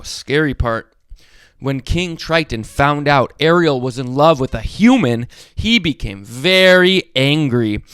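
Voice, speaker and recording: Hosting a read-along channel, this storyteller reads an animated children's tale with brief asides, his high, clear voice leaping around in pitch. He talks right to young listeners with lots of expression, and the sound stays close and dry without any echo.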